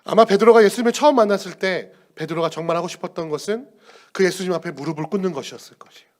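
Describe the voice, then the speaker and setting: A male pastor preaching an earnest sermon, moving between loud appeals and hushed words. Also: sits high, very fast.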